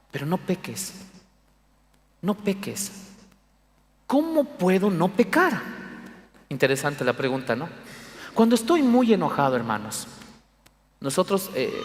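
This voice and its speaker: A man preaching a sermon as pastor, animated, asking the congregation rhetorical questions and breaking into sudden loud bursts. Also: fairly high pitch. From Bolivia. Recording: echoey church hall reverb.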